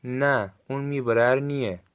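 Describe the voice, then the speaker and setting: A man with a Gilaki accent giving a recorded language lesson, saying short phrases slowly and clearly for listeners to repeat. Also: medium pitch. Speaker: language teacher.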